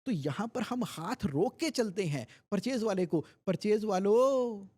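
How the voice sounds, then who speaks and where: A man's voice: sits high, lively intonation, normal speed, darkish tone, slightly rough. A man from India, a finance expert guest on a podcast interview, explaining things animatedly with homely examples and repetition.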